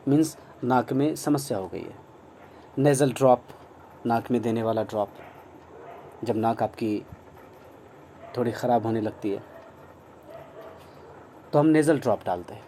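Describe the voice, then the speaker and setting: A man's voice: mid-range voice, mellow, a little hiss or hum. A man from India with an Indian accent, teaching English vocabulary in a mix of Hindi and English, spelling words out letter by letter and repeating them encouragingly. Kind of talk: online vocabulary lesson.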